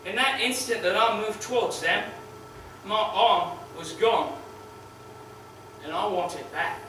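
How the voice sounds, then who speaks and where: A foul-mouthed male crocodile wrestler, maimed and grieving, played by a man in a dramatic monologue. His high, slow, bright voice lurches between swagger and raw shouted despair. It is recorded from far off in a very echoey room with a faint hum of ambience. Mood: anguished.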